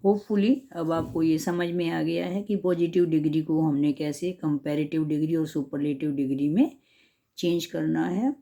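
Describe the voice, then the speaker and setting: A woman language teacher explaining a grammar lesson slowly and carefully, switching between English and Hindi. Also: low-pitched, gravelly, dark tone.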